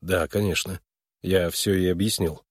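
A man reading an audiobook and voicing a gloomy, guilt-ridden young man who mumbles low and distracted. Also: steady tone, a little slow, no echo, clean studio sound.

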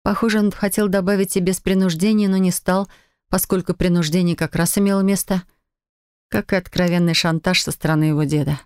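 Brief: audiobook narrator, first-person fantasy, ironic and expressive, smooth clear voice, dry sound. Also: mid-range voice, fairly quick, no room sound.

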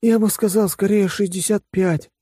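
A man's voice: sits high, steady tone, moderate pace, dark tone, slightly rough, dry recording, studio quality, voice pushed up. A man voicing an eager, precise male sidekick in an audiobook, in a raised, fussy voice. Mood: matter-of-fact.

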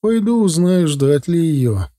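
A man's voice: a little high, very animated, slow pace, warm tone, pitched above the performer's own voice. A man reading a story, voicing a chatty, welcoming old grandmother in a raised voice. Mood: fussing. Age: older.

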